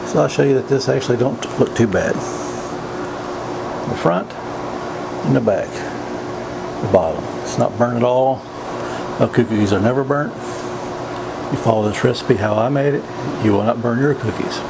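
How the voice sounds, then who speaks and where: A man's voice: medium pitch, moderate pace, vocal fry, pauses often. A plain-spoken, folksy man casually narrating a home cooking demonstration in his kitchen. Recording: steady background room hum and noise.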